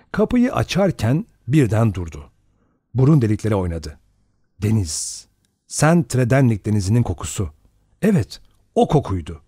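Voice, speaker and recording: Expressive male audiobook narrator. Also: lowish voice, no echo, clean studio sound. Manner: expressive, varies pace for suspense.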